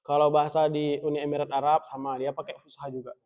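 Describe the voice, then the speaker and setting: Joking male teacher, slightly high voice. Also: quick pace, dull audio. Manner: relaxed, joking, chuckles often. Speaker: Islamic teacher teaching Arabic. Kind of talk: casual classroom lesson. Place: mosque study room.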